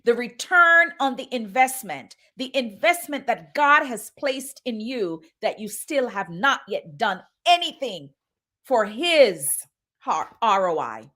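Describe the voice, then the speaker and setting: Bright-voiced woman preaching slowly. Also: on the high side, sing-song. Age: 50s. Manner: urgent, preaching, repeats phrases for emphasis. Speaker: minister and motivational host. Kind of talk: motivational sermon.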